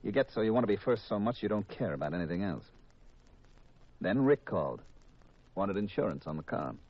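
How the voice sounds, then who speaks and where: A low, husky American man voices a coolly menacing insurance man who confesses to killing in a 1950s radio mystery, very animated and bitter. He speaks in a deliberate, hard-boiled, mock-polite manner, and the old radio recording is muffled and dull.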